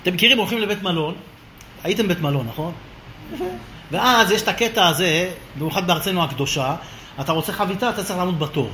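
A man's voice: high-pitched, a little hiss or hum. A man giving a humorous religious talk, telling a story and acting out the voices of the people in it. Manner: lively, acts out quoted voices. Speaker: religious lecturer. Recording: echoey room.

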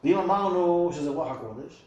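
Emphatic high-voiced man teaching, echoey room. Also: expressive, a little mellow, highs cut off. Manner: emphatic, asks rhetorical questions. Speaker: religious teacher. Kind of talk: Torah class with audience replies. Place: room with a live audience.

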